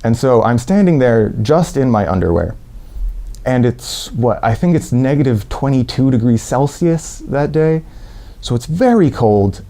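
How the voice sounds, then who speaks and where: A man from the USA with an American accent, telling a personal story in a lively way and acting out what people said. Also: mid-range voice, unhurried. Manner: lively anecdotal, acts out quotes.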